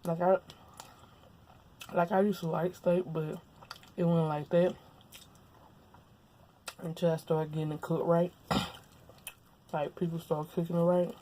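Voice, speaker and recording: Mukbang host: young woman from Louisiana, lapel mic at home, mellow lowish voice, relaxed chatter between bites. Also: measured pace, pauses often, a little hiss or hum. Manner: relaxed, chatty, talks with mouth full. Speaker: mukbang vlogger. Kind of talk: casual chat while eating. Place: at home, indoors.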